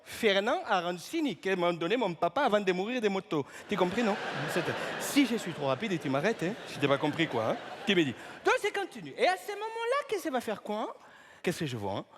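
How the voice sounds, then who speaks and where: A comedian playing a rambling male storyteller who mangles his French, talking with lively, swooping pitch on stage. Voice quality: garbles grammar and words. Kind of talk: improvised stage comedy sketch.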